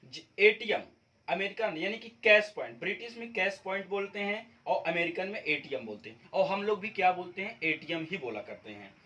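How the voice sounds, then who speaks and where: A man's voice: high-pitched, animated, moderate pace, sharp tone, poor audio. A man from India teaching spelling differences, explaining step by step and checking in with his viewers often. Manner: repeats points, checks in with viewers. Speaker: English teacher. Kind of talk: classroom-style explanation.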